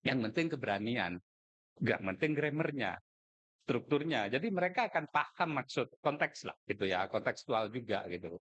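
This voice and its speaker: A man's voice: mid-range voice, sing-song, normal speed, fairly bright tone, muffled recording. A middle-aged man from Madura, giving an informal, joking speech at a contest. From Madura, Indonesia. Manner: chatty, joking, colloquial asides.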